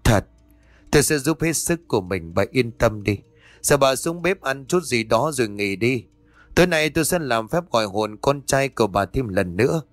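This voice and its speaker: A man voicing a tired older spirit medium who calms a grieving woman in a low, weary tone. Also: normal speed, no echo, soft background music, lightly acted. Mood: soothing.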